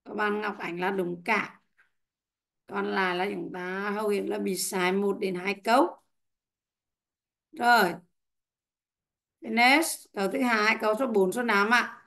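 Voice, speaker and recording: Slow, patient woman teacher on a call. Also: mid-range voice, fairly even intonation, vocal fry, fairly bright tone. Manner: slow, patient, drills pronunciation word by word. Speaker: English teacher. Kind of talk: online class teaching. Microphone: headset or computer mic on a video call.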